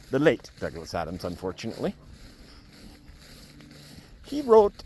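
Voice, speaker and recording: Out on a farm among cows, a man vlogs a book review, talking casually and spontaneously to camera in a rambling, wry, jokey manner. His medium-pitched voice is a little mellow, with a little hiss or hum in the audio.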